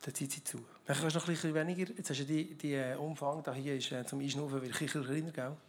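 A preacher with a Swiss German accent giving a lively, joking and conversational sermon who often turns to ask the audience questions. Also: mid-range voice, fast talker, a little hiss or hum.

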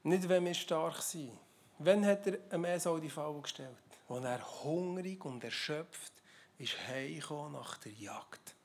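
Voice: medium pitch, unhurried. Swiss german accent preacher, chatty and jokey, keeps asking the crowd stuff, sermon vibe. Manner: lively, joking, conversational, asks the audience.

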